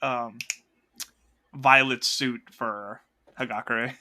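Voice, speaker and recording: A man co-hosting a podcast in casual chat, animated and laughing as he acts out quotes. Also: mid-range voice, slow. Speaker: podcast co-host.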